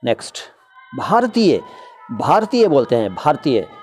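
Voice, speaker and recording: A man's voice: a little high, wildly swooping pitch, a little slow. A middle-aged man giving a casual spoken lesson on Hindi and Urdu usage, repeating words to model how they should be said. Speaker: Hindi-Urdu language teacher.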